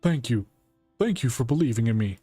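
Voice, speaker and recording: A man's voice: mid-range voice, lively intonation, fairly quick, mellow, slightly rough, dry recording, soft background music. A man voicing a wrongly accused prisoner in a detective game, earnest and imploring. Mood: desperate.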